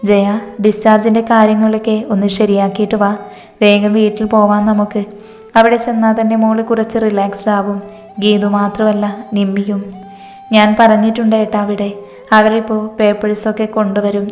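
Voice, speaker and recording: A woman narrates a domestic drama in a flat, level voice that barely rises or falls. Her reading echoes in a reverberant room, with soft music playing beneath it. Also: mid-range voice. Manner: even, unhurried reading, voicing all characters in her own voice. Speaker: storyteller. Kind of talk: scripted story narration with character dialogue.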